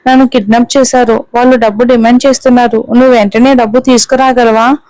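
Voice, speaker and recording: A woman's voice: a little high, little pitch movement, fast talker, darkish tone, dry recording, natural voice, poor audio. A woman voicing a desperate young pregnant wife, pleading with tearful urgency in a storybook reading.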